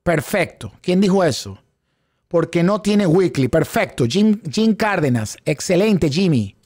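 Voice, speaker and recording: A middle-aged man with a fairly high voice leads a live online class. He repeats key phrases and drops English terms into his Spanish as he questions viewers. The sound is close and dry, from a desk microphone. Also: animated, measured pace, a little mellow, slightly rough, no echo. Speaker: instructor in options trading. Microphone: close studio microphone on a desk setup.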